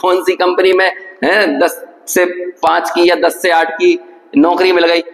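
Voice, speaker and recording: Male scripture lecturer, high voice, questioning teacher's manner, reverberant hall sound. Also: little pitch movement, unhurried. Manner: teacherly, asks the listeners questions, mixes in English words. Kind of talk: spiritual discourse.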